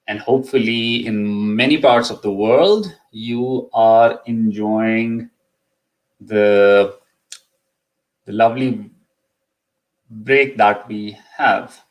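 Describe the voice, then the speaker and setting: A middle-aged man whose first language is Urdu hosts a live immigration session, talking casually with many ums and restarts. He is a little sick and coughs, his voice is fairly low, and the audio is poor.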